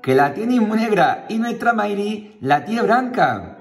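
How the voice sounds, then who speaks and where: A woman with an Extremaduran accent voicing little goat kids in high, insistent tones. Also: expressive, measured pace, roomy sound, distant mic, faint music behind. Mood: wary.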